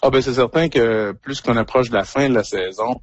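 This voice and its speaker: A man in his fifties with a Québécois French accent, a hockey fan, speaks casually as a radio guest at medium pitch and a slightly fast pace. He hesitates a lot, using many fillers and repeating words. The recording is dry and lo-fi.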